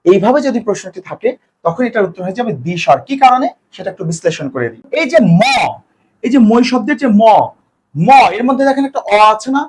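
A man teaching an exam-prep grammar lesson, explaining step by step, asking questions and answering them himself, and drawing out example words slowly. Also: high voice, expressive, a little mellow, breathy edge.

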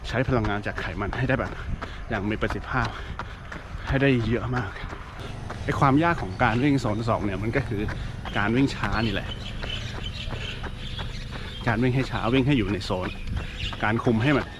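A man's voice: fairly low pitch, moderate pace, pauses often. A man giving a casual explanation while running outdoors, speaking in short broken phrases. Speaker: running coach-style vlogger explaining training. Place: outdoors, on the move. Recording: noisy outdoor recording with traffic and ambience.

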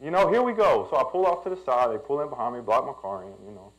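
Young guy preaching, tells his story then gets loud and emphatic, lively pitch. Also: quick pace, poor audio. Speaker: pastor. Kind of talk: sermon with personal story.

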